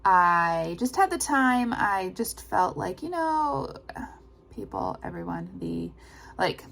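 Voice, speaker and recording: A woman's voice: mid-range voice, very animated, slow pace, gravelly, fairly bright tone. A woman talking casually to her vlog audience, rambling informally as she thinks aloud. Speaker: running vlogger. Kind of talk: casual personal vlog chat.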